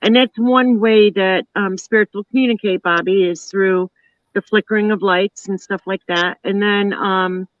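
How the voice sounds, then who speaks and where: A woman's voice: mid-range voice, fairly even intonation, moderate pace, dry recording. A woman hosts a live online show in a loose, chatty way, piling on "you know" and "like" as she goes. The sound is dull and lo-fi. It is also dry, with no room around her. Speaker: host.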